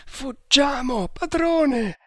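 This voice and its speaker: A man voicing a frightened, loyal male servant in an audiobook reading, pleading in a high, shaky voice. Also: very animated, a little slow, pushed and bright, dry recording, clean studio sound, exaggerated voice. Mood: panicked.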